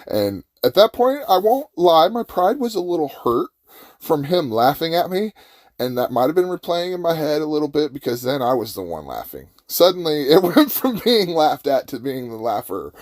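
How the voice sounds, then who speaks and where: A man's voice: fairly high pitch, sing-song, normal speed, no room sound, studio quality. A man, telling a story in a folksy, chatty way and chuckling often. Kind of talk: casual storytelling.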